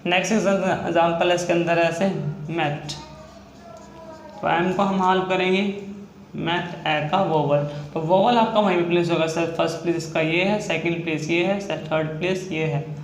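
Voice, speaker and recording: High-voiced man teaching shorthand. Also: fairly even intonation, normal speed. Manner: repetitive, patient explaining with frequent "theek hai" checks. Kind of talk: explaining a lesson step by step. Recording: echoey room with faint background noise.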